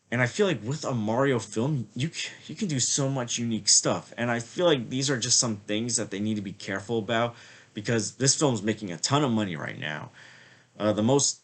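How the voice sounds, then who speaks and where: Sniffling a bit from a mild cold, a man reviews a movie in a loose, rambling way. His voice is medium in pitch and a bit bright, and his speech is packed with "like" and "I feel like."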